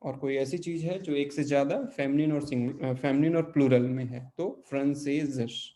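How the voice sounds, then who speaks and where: A man's voice: medium pitch, normal speed, warm tone. A man teaching a language class online, explaining grammar patiently and checking often that his students follow.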